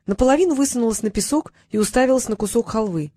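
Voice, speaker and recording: A woman reading an audiobook as narrator, with an even, expressive delivery. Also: a little high, fast, dry recording, studio quality. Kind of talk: scripted narration.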